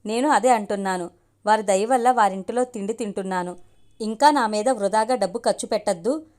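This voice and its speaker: A woman's voice: mid-range voice, brisk, darkish tone, natural voice. Proud, dignified young woman, read by a woman storyteller in an audiobook.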